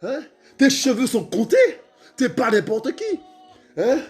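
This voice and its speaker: Fervent high-voiced male preacher. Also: sing-song, unhurried, faint music behind. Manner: fervent, repetitive, calls out to listeners, stammers, shouts at times.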